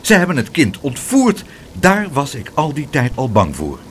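A man's voice: medium pitch, huge pitch swings, moderate pace, slight background noise. A man voicing a fussy, grumpy grown man who runs weather experiments, peevish and scolding. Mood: cross.

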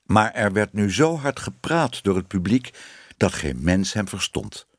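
A man reading a children's story aloud with an expressive storytelling voice. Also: on the low side, unhurried, no echo, studio quality. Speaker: narrator.

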